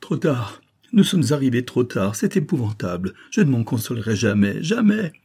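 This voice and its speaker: A man voicing an anxious, excitable comic detective who talks in theatrical exclamations. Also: medium pitch, normal speed, breathy edge, voice pushed up. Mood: frantic.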